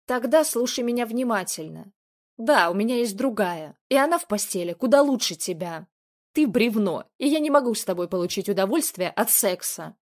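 A woman's voice: on the high side, animated, moderate pace. A woman reading the part of a smug, callous young man who cheats on his girlfriend, in a mocking tone. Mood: cruel. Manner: cold, mocking. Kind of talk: storybook reading.

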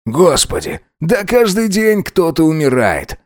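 A man putting on a shrill drunk boyfriend. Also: normal speed, no room sound, studio quality, close to an everyday voice. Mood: taunting. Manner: mocking, shrill, aggressive. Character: drunk spiteful young man, cheating boyfriend.

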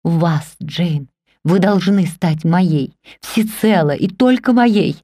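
Mr. Rochester, a woman doing a low ardent man. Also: slow, mellow, no room sound, studio quality. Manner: low, intense, pleading. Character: passionate middle-aged man, ardent lover. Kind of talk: audiobook character reading.

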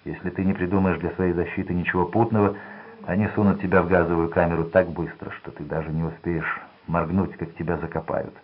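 A man voicing a cold, greedy male swindler who talks gruffly and with contempt. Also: sits low, level tone, fairly quick, dull audio, natural voice. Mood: contemptuous.

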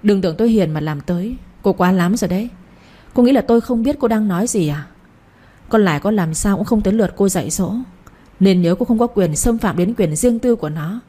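A woman's voice: medium pitch, lively intonation, a little fast, natural voice. A woman reading as a stern scolding husband. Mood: angry. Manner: sharp, scolding. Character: stern, angry young husband, a man.

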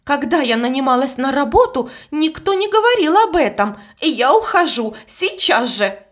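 A woman's voice: high-pitched, big pitch swings, normal speed, pitched above the performer's own voice. A woman voicing a flustered, easily upset cook who talks breathlessly and indignantly, reading an audiobook. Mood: outraged.

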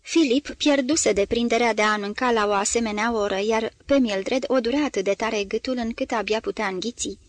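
A woman reading a literary novel aloud as an audiobook, measured and grave, giving the dialogue a voice. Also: a little high, no room sound. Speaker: audiobook reader.

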